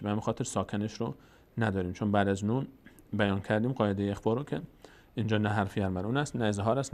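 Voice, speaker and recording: A man teaching the rules of Quran recitation, explaining in plain speech and then reciting verses slowly and drawn out. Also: lowish voice, darkish tone.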